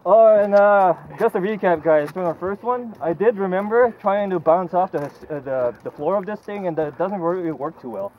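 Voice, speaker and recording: Higher-voiced young man, wry, outdoors. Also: moderate pace, hardly any pauses. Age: young adult. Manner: wry, joking. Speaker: vlog participant. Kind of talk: casual chat. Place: open foggy lakeside, outdoors. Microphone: camera mic a few steps away. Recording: dull outdoor camera audio with noise.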